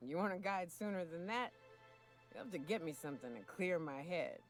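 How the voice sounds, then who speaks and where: A woman's voice: on the low side, lively intonation, brisk, faint music behind, natural voice. An actress playing a drunk, swaggering female monster hunter in a video game, with a slurred, rambling, folksy manner. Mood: tipsy, amiable. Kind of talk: video game character acting.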